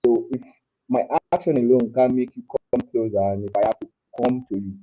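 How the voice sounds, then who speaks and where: A young man from Africa joins a remote panel as a guest, his mid-range voice steady and mellow through a headset mic. Clipping distortion fuzzes the sound. He comes across as earnest but halting, often repeating words.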